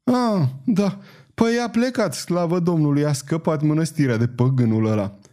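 A man reading an audiobook, voicing a suspicious old nun with a shrill, squeaky voice who snaps and scolds. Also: expressive, warm tone, close to an everyday voice. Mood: snippy. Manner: snapping, scolding.

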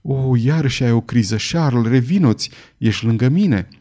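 A man's voice: mid-range voice, mellow, natural voice. A man voicing a devoted young woman who soothes her troubled lover, in an audiobook reading. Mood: soothing. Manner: soothing, tender.

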